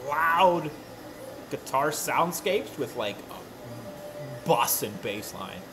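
Over music, a man in his thirties addresses his live stream very slowly in an animated, medium-pitched voice. Working at a crafting table in a workshop room, he chats casually, rambling and frequently correcting himself.

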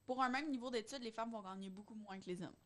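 On a close boom-arm studio mic in a small podcast studio, a young Quebec French-accented panelist voices strong opinions emphatically during a casual group chat. Her voice is a little high, fast and slightly bright.

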